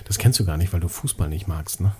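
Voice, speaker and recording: A podcast co-host chats casually, joking at his own expense and laughing often. His voice is low, quick, slightly mellow and husky.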